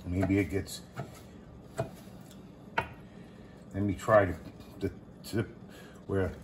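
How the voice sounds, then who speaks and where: The middle-aged man, a chef who hosts a cooking show, demonstrates a recipe step by step in a home kitchen, keeping it casual and informal as he works. His voice is deep and flat, and he speaks very slowly. Kitchen ambience and sizzling pans are audible throughout.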